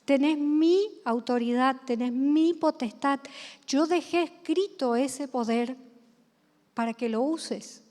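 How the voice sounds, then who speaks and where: A woman's voice: sits high, takes it slowly, darkish tone. A woman preacher with a Rioplatense accent, delivering a sermon, telling stories and asking the congregation questions. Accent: Rioplatense Spanish. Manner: storytelling, asks the congregation questions. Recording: long hall reverb.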